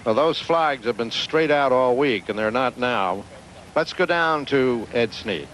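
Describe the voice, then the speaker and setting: A man's voice: medium pitch, expressive, a little slow, low-quality recording. A man anchoring live golf commentary on an outdoor broadcast. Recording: outdoor broadcast, loud background noise.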